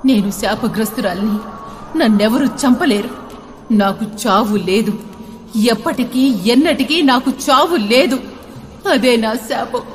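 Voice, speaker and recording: A woman's voice: on the high side, a little slow, big-room sound, slight background noise, lightly acted. A woman voicing a cursed, undying female spirit who possesses bodies, menacing, laughing and wailing.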